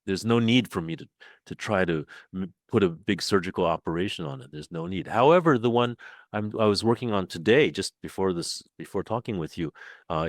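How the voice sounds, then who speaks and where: An older man from Taiwan talks in a very low, deep voice, feeling his way through his thoughts with frequent repeats and restarts. The sound is dry and close, with no room around it. He keeps a relaxed, conversational pace. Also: no echo. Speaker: guest playwright and director.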